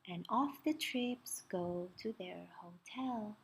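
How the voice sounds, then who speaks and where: A woman reads a children's story aloud with lots of expression, stopping to pose questions to young listeners and point things out. Her voice sits in the mid range and is slightly rough, and the recording is rough too.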